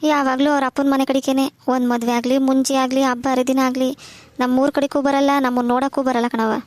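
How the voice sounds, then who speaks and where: A woman's voice: high-pitched, level tone, fast, dry recording, natural voice. A woman voicing a bitter, complaining old village widow with a rural Karnataka Kannada accent, full of sayings. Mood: lamenting.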